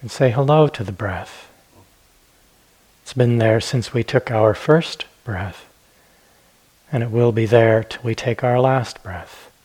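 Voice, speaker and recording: A man at a medium pitch leads a guided meditation, gentle and unhurried, leaving long pauses between phrases. The recording quality is low.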